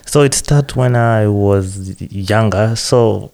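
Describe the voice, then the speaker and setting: A man's voice: on the low side, takes it slowly, gravelly, a little mellow. A man in his twenties with a Kenyan accent, chatting casually as a podcast guest and telling stories informally. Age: 20s. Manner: informal storytelling with repeated "like". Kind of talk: casual chat.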